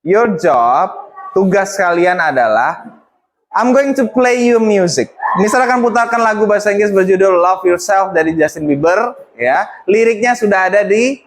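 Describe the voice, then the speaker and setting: A man's voice: sits high, lively intonation, moderate pace. A male English teacher instructing a classroom, mixing English phrases into his talk and prompting students.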